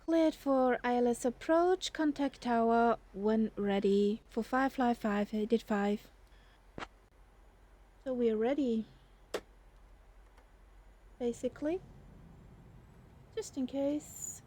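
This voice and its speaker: A woman's voice: on the high side, takes it slowly, long pauses, mellow. A woman speaking as a pilot, giving radio readbacks with casual asides. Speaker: flight simulator pilot and streamer.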